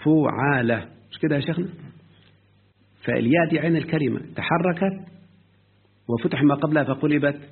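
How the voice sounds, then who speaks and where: Husky man teaching grammar over phone line. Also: fairly high pitch. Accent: Egyptian Arabic. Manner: questioning the student often, drawn-out quoting. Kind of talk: Arabic grammar lesson.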